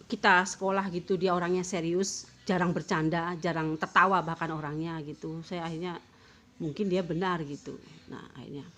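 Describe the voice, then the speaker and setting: A woman's voice: on the low side, steady tone, brisk, fairly bright tone. A woman from Yogyakarta, telling a personal story and acting out both sides of the dialogue with frequent tag fillers. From Yogyakarta, Indonesia.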